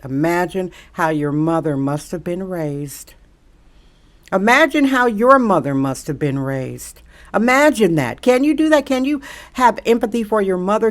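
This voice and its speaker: A middle-aged woman from Wisconsin giving an emphatic, preachy monologue to camera, repeating rhetorical questions to press her point. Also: medium pitch. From Milwaukee, Wisconsin. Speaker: social media commentator.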